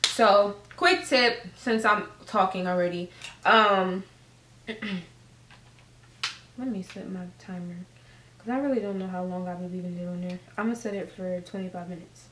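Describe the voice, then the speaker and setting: A woman's voice: fairly low pitch, fairly even intonation, moderate pace, pauses often, background noise. A woman casually talking viewers through a hair tutorial at home, chatty and loose with slang and fillers. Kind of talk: casual how-to vlog. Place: room at home. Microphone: camera set up at a distance. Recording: roomy, camera mic from a distance.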